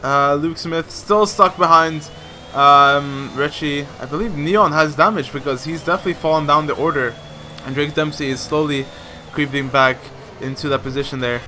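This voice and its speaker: Bright-sounding guy calling a sim race, kinda high voice, gets excited, lots of uhs. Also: moderate pace, slight background noise. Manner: excitable, many fillers. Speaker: race commentator. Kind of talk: sim racing commentary.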